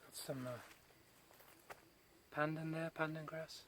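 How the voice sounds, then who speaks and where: A man giving a casual, unscripted garden tour outdoors, speaking in short phrases with pauses between them. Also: a little high, fairly even intonation, fairly bright tone. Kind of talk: casual rambling vlog narration. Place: outdoors in a large rural garden. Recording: noisy outdoor recording with nature sounds.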